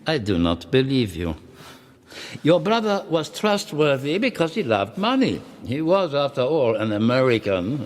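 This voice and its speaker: A radio drama actor voices an older torturer who is cold, polite and sadistic, delivering pedantic, measured lines broken by threatening pauses. The voice is male, lowish and exaggerated.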